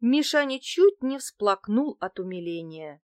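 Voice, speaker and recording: A woman narrates a crime novel in the first person, steady and even in a middle register. The sound is dry and close to the mic, with no room echo. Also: mid-range voice, a little slow. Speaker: audiobook narrator.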